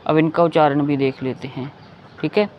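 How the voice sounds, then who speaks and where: Speaking at normal speed with a steady tone, this Hindi teacher has a slightly high male voice. He works through a slow explanatory lesson, repeating each sound patiently and regularly checking his listeners' understanding. Expect dull lo-fi audio with faint background noise.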